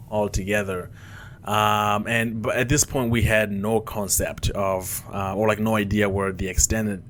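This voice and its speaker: A man in his twenties, born in Rwanda and raised in Mozambique, hosting a casual solo podcast, halting with many fillers and restarts. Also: sits low, fairly bright tone, slight background noise. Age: 20s. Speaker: podcast host. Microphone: headphones on, podcast mic.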